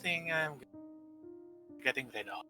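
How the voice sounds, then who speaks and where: A man's voice: mid-range voice, animated, over music. A man playing a tabletop game over an online call, his voice cutting out and his words breaking off. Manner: halting, with broken-off words. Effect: choppy voice cutting out over an online call. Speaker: player. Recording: garbled online call audio.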